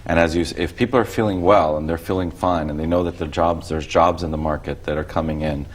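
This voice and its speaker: A man's voice: low voice, steady tone, fast talker. A man from Costa Rica who teaches economics, a talk show guest explaining things in a conversational way.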